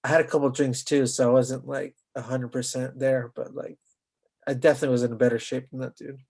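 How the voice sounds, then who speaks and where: A man's voice: medium pitch, flat delivery, a little fast, gravelly, darkish tone. A man from Southern California co-hosting a podcast, talking bluntly and swearing freely. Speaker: podcast co-host. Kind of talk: casual podcast chat.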